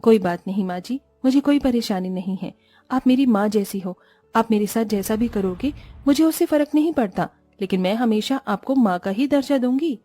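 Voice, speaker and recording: A woman voicing a meek, kind young daughter-in-law in a cartoon, speaking gently and softly. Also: fairly high pitch, moderate pace, dry recording, faint music behind, natural voice. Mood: soothing.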